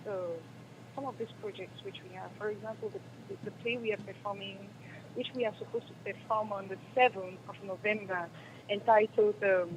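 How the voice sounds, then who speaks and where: Answering spontaneously in a radio interview, this Cameroonian-accented actress of stage and radio drama talks earnestly, repeating phrases to stress her points. Her medium-pitched voice comes through dull audio with a little background noise.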